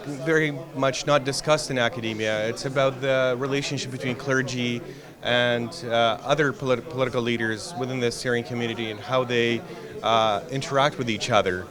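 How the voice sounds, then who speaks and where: A man talks through his research in a measured, thoughtful way, restarting sentences and pausing on fillers. His voice sits at an ordinary middle pitch. Behind him, a crowd's chatter carries clearly at the conference venue. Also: steady tone. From Iraq, raised in Canada. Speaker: interviewed historian. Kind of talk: conference interview.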